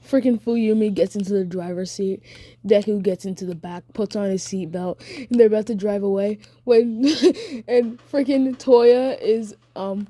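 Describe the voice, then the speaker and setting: A woman's voice: medium pitch, measured pace, dark tone, no room sound. A woman casually telling a made-up fan story, giggling often and rambling with fillers.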